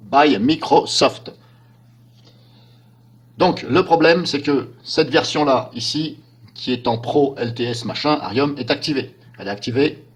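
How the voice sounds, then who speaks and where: A man's voice: mid-range voice, breathy edge. A man giving casual, rambling commentary over a screen recording. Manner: chatty, rambling, frequent "hein" and "donc là". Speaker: tech screencast narrator.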